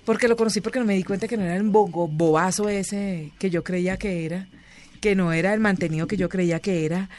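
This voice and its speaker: A woman, a guest in an interview, telling stories in a lively, chatty way and acting out the voices of the people she quotes. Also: medium pitch, fairly quick. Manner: animated storyteller, acts out quoted voices. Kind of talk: casual interview storytelling.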